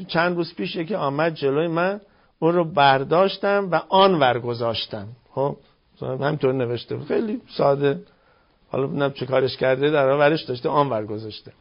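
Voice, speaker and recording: Older man, religious lecturer, sermon, emphatic rhetorical questions, slightly high voice, muffled recording. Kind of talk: sermon-style moral lecture. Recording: dull lo-fi recording.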